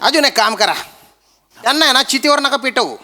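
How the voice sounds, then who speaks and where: A man performing a stage comedy sketch, scolding and shouting at the others. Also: very high voice, lively intonation, brisk, in a large hall, soft background music.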